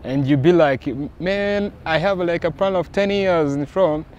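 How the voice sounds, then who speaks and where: A Rwandan comics creator chats casually in an interview, animatedly acting out the conversations he recounts. His voice is fairly high and a little slow. The audio is dull, with slight background noise.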